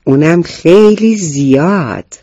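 A man's voice: fairly high pitch, expressive, warm tone, no echo, muffled recording. A man voicing an earnest young schoolboy who lectures his parents about safety rules, in a storybook reading. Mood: eager. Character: earnest rule-minded schoolboy, first grader.

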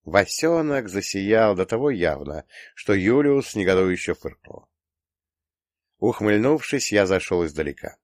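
A man reading a first-person audiobook with wry, gently ironic narration. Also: fairly low pitch, sing-song, a little slow, dry recording, clean studio sound.

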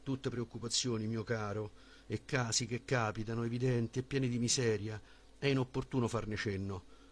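A man reading a philosophical dialogue as an audiobook in a measured, formal voice with a husky tone. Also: medium pitch, steady tone. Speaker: audiobook reader.

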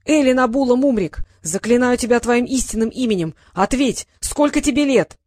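A reader voicing a boy apprentice wizard yelling an urgent command in an audiobook. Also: medium pitch, normal speed, pitched above the performer's own voice, natural voice. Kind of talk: audiobook character reading.

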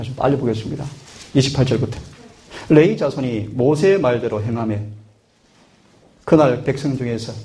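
A man's voice: medium pitch, dark tone. A man preaching a sermon in an earnest manner, often putting questions to his listeners. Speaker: pastor.

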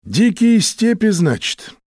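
A man's voice: sits high, very animated, slow pace, a little mellow, breathy edge, no room sound, clean studio sound, voice pushed up, heavily acted. A man voicing a laconic, drawling truck driver. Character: laconic middle-aged male truck driver, indifferent.

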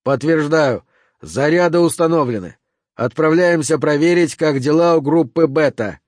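A male narrator puts on a military commander who reports in short, clipped radio orders. The voice sits a little higher and pushier than the narration. It is recorded dry and close. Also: moderate pace, no echo, close to an everyday voice. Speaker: radio team leader.

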